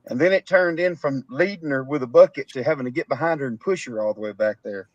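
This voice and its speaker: Rambling Texan farmer on a dull dry stream. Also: male voice, medium pitch, quick pace, no echo. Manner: rambling, laughing storyteller with rural Southern grammar. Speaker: host, cattle farmer. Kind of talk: casual chat on a live stream.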